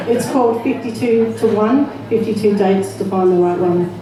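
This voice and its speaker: An Australian woman reading spoken word at an open mic as an amateur poet, with a slightly nervous manner. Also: medium pitch. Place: live open mic room. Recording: roomy, distant mic with faint background noise.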